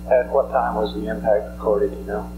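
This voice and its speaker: A man asking questions as a reporter at a press conference, formal and a little halting. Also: fairly low pitch, level tone, narrow, tinny audio. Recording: noisy archival audio with mains hum.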